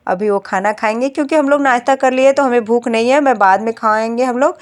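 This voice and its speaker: A woman's voice: a little high, brisk. A woman in her thirties with a sore throat, chatting casually to viewers as she narrates a home vlog. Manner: chatty, addresses viewers as friends. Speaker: vlogger.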